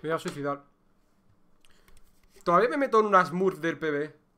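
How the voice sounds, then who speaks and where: Excitable Spanish streamer man. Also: fairly high pitch, normal speed. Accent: Spain Spanish. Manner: excitable, theatrical, joking complaints. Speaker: game streamer. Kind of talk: casual livestream gameplay chatter.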